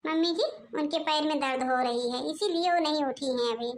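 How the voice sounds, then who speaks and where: A meek young daughter-in-law, voiced by a woman, who speaks timidly and apologetically in a high voice. She sounds fearful and overworked. It is a cartoon family comedy. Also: moderate pace, close to an everyday voice. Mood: apologetic.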